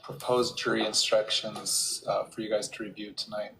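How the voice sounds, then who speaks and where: A man speaking as a trial judge, measured and procedural. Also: on the low side, completely flat delivery, gravelly. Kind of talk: courtroom procedure. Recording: noisy courtroom feed audio.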